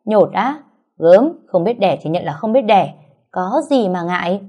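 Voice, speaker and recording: A woman's voice: fairly low pitch, expressive, brisk, muffled recording. A woman voicing a spiteful middle-aged woman who sneers and scolds. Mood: sneering.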